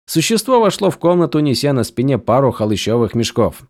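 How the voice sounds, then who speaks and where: Мужчина читает фэнтези-роман как аудиокнигу, выразительно и драматично, близко к микрофону. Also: male voice, medium pitch, brisk, no echo, studio quality. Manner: expressive, dramatic reading. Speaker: audiobook narrator. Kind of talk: scripted fantasy narration.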